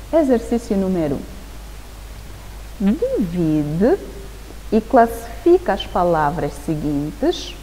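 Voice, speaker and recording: A woman teacher explains a grammar lesson at an unhurried, deliberate pace. Her pitch moves in wide, lively swings as she keeps asking the class whether they follow. The recording carries a long reverb tail and a faint, steady hiss. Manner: slow, deliberate, repeats key words and asks "Perceberam?". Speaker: primary school teacher.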